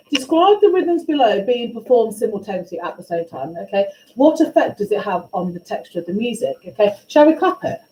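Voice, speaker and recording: A woman teaching a class, her fairly high voice dark and mellow in tone. She questions and encourages her pupils briskly, recorded in an echoey classroom with faint room ambience. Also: a little hiss or hum. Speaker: music teacher. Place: school classroom.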